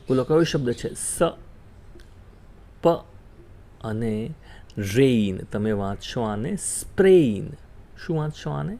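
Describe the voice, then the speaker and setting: A man teaching English pronunciation, repeating each word slowly so learners can say it after him. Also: medium pitch, mellow. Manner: slow, repeats words for learners to echo. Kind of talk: spoken English lesson.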